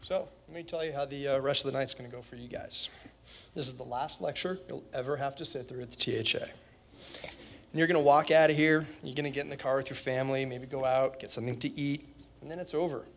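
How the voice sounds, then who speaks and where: A man's voice: mid-range voice, fairly even intonation, quick pace, slight background noise. A young man, a former student, giving a prepared graduation speech with an earnest, direct manner. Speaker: graduation speaker, alumnus. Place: school event hall.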